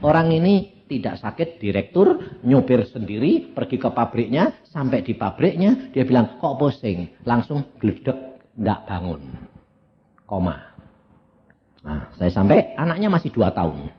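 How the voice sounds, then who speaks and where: A man's voice: medium pitch, sing-song, a little slow. An elderly man with a Javanese accent, preaching a sermon through humorous personal stories, often turning to address his listeners. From Central Java, Indonesia. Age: elderly, around 80. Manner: anecdotal, humorous, addresses audience as "saudara". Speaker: evangelist preacher. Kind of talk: storytelling sermon. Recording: dull lo-fi sermon recording.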